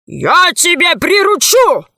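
A woman's voice: on the high side, expressive, fairly bright tone, no room sound, clean studio sound. A woman voicing a grumpy old dragon. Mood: indignant. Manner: slow, weighty and indignant. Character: grumpy proud old male multi-headed dragon. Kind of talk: audiobook character voice.

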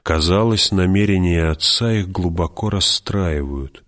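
Deep-voiced male audiobook narrator. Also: a little slow, fairly bright tone. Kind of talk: scripted narration.

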